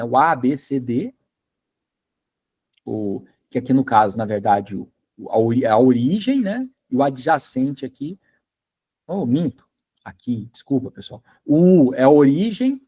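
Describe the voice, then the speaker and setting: A man with a medium-pitched, dark voice and a breathy edge delivers an informal university lecture. He has a Brazilian Portuguese accent, talks in a chatty way with many fillers, and keeps asking students if they follow.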